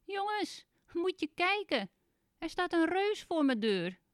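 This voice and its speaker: A woman voicing a tiny cheerful male gnome in a storybook reading, speaking high and matter-of-fact. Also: big pitch swings, a little slow, mellow, dry recording, studio quality. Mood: calling out.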